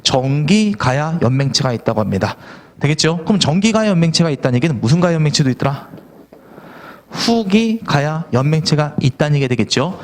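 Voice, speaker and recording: A tired middle-aged man lecturing on history for an exam course, his voice sitting a little high for a man. He keeps firing questions at the class and answering them himself, and his complaints are spoken close to the mic. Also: lively intonation, a little fast. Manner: tired, grumbling asides then quizzing questions. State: worn out. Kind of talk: online exam-prep lecture.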